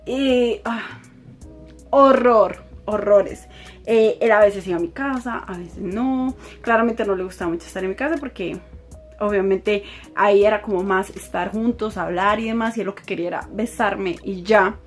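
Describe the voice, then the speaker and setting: A young woman with a Costa Rican accent telling a personal story in a chatty, animated way, laughing often. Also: medium pitch, moderate pace, soft background music. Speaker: vlogger. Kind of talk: casual storytime.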